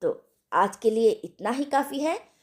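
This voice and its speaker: Slow, deliberate woman teaching recitation. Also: on the high side, lively intonation, darkish tone. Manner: slow, deliberate, repeats sounds for practice; asks the class if they understood. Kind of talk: online tajweed lesson.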